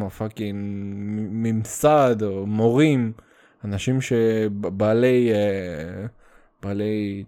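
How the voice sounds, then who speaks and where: A man from the Soviet Union with a Russian accent and a fairly low, warm voice hosts a casual solo podcast. He's blunt and sweary, mixing English slang into rambling, stop-start delivery.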